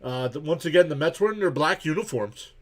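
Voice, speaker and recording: A man streaming a live game reaction, calling each pitch and count in casual play-by-play while greeting viewers and reading their chat messages aloud. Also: animated, a little fast. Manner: chatty and laid-back, greets viewers by name.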